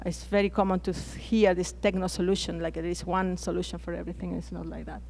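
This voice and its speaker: A woman from Chile with a Chilean Spanish accent, speaking English as a second language on a conference panel, pausing often and restarting her phrases. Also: lowish voice, little pitch movement, gravelly, a little mellow. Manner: hesitant, frequent restarts and fillers.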